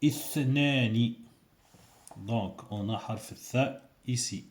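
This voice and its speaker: A man speaks slowly and patiently, repeating each sound so learners can follow. His voice sits on the low side. The lesson is recorded on a camera mic in an echoey room. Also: a little mellow. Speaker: Arabic teacher. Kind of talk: casual video lesson.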